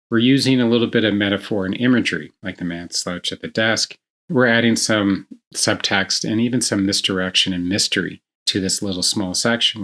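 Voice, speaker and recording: A man's voice: fairly low pitch, pushed and bright. A man giving a writing tutorial, reading example scenes aloud and explaining how to improve them. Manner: reads example passages aloud, then explains. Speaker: writing instructor.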